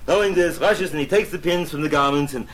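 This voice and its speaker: A man's voice: on the high side, quick pace. A man telling a story as a wry, theatrical mock-professor in a comic lecture to a live audience. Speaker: comedian narrator and lecturer. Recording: noisy live stage recording.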